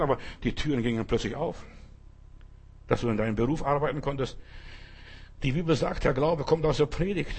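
A man's voice: mid-range voice, darkish tone, slightly rough. A man preaching a sermon at a church service, emphatic and speaking straight to his listeners. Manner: emphatic, addresses listeners directly.

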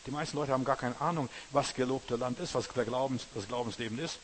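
A man's voice: mid-range voice, fast, slight background noise. Folksy man preaching a sermon. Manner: folksy, keeps asking "weißt du", "verstehst du".

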